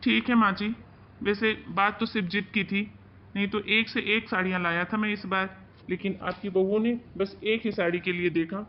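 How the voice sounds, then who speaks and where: A man's voice: sits high, steady tone, moderate pace, dull audio, slight background noise, close to an everyday voice. A man voicing a polite saree seller who eagerly praises his wares. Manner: salesman-like, deferential.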